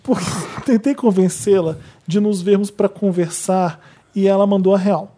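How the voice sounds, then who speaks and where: A podcast co-host reads a listener's letter aloud in a mellow, relaxed tone. The delivery is playful, with wry asides and a steady middle pitch. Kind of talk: casual chat, reading aloud.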